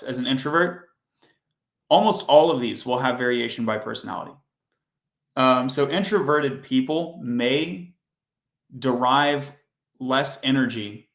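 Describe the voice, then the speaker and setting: The speaker is a man hosting a coding stream who chats loosely and keeps correcting himself as he rambles. His medium-pitched voice is hoarse, fading, and a bit bright, and the sound is roomy.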